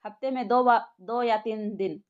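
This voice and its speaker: A woman playing a goofy village joker smitten with a policewoman, cheeky and flirty; fairly high voice, dull lo-fi sound. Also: steady tone, moderate pace, smooth, close to an everyday voice. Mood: sheepish. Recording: lo-fi muffled recording.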